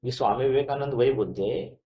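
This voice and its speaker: A man in his forties speaks quickly, with ideas spilling out in loose, rambling conversational speech. It is an interview in an echoey room. The recording sounds dull and lo-fi. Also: medium pitch. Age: 40s. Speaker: local party politician, interview guest. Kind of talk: casual interview talk.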